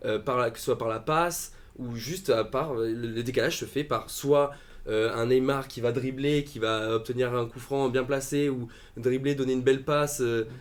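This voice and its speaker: A man's voice: medium pitch, fairly even intonation, moderate pace. A man chatting as a football pundit on a live stream, hesitant with many fillers and restarts. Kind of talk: casual live-stream discussion.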